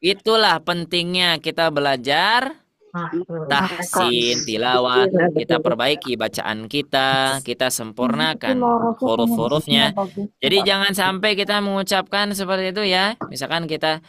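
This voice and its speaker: A man's voice: on the high side, moderate pace, pushed and bright, smooth. A man teaching Quran recitation to a class, asking questions and repeating the answers.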